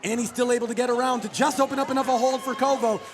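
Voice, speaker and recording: A man calling a roller derby bout live, with his voice worn and hoarse, rising and cracking when the action heats up. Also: very fast, music in the background. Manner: excitable, voice cracking up high when thrilled. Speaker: roller derby play-by-play commentator. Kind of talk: live sports commentary. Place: roller derby arena, crowd around. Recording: live arena with clear crowd noise. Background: crowd noise.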